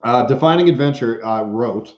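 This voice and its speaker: Halting male host on a roomy livestream. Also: medium pitch. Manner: halting, restarts often while reading viewer comments. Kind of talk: casual live Q&A chat. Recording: roomy, dull lo-fi livestream audio.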